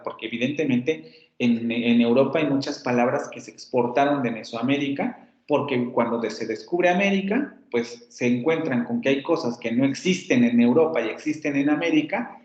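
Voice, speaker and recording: Male phonetics lecturer, Mexican accent, patient and repetitive, mid-range voice; lo-fi recording in a reverberant room. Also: medium pitch. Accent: Mexican Spanish. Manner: explanatory, repeats example words slowly, self-correcting. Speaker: university phonetics teacher. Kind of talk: classroom lecture. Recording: roomy, dull lo-fi classroom recording.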